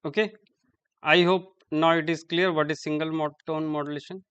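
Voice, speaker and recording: A man giving a classroom lecture, halting and repeating terms as he writes on the board. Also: fairly high pitch, steady tone, fairly bright tone, smooth, highs cut off.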